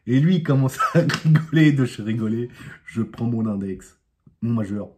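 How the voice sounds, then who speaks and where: A man's voice: mid-range voice, animated, moderate pace, background noise. A man from France, an amateur magician, telling a playful story to camera with sound effects and asides. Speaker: amateur magician, channel host.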